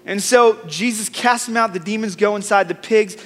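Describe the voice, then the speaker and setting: A man with a high-sitting voice speaks at a moderate pace, preaching a sermon as a pastor. He tells the story conversationally, with humor and repeated phrases. The recording carries a long hall reverb.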